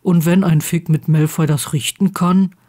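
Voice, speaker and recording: A stubborn teenage boy wizard, blunt and grumbling, as a woman reads him in a fan audiobook. The voice sits a little lower than the narration and stays hushed, as if keeping quiet in a dark dormitory. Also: steady tone, normal speed, natural voice. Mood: irritated.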